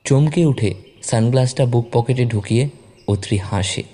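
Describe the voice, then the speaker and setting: A man reading a story aloud in a measured, expressive narration. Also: mid-range voice. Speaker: story reader. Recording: narration over background music.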